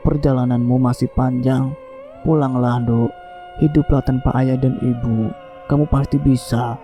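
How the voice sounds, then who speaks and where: A man voicing a gentle ghostly mother softly comforting her daughter, in his own voice. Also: mid-range voice, fairly even intonation, measured pace, faint music behind, close to an everyday voice. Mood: tender.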